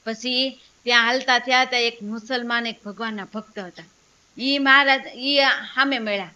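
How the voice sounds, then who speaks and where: A woman's voice: a little high, fairly even intonation, moderate pace, bright, forceful tone. A woman telling a devotional story, acting out the voices of its characters as she goes. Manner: storytelling with quoted dialogue. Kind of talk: religious story narration.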